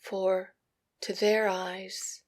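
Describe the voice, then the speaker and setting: A woman narrating a bedtime story in a soothing, gentle manner. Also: medium pitch, flat delivery. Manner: soothing, unhurried, gentle delivery.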